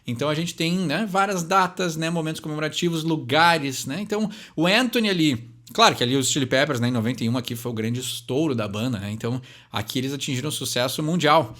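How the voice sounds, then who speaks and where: A man's voice: a little high, a bit bright. A young man from Brazil with a Brazilian Portuguese accent, casually breaking down song lyrics as a channel host, tagging "né?" onto his sentences. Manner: chatty, fills pauses with "né?", reads English lines slowly.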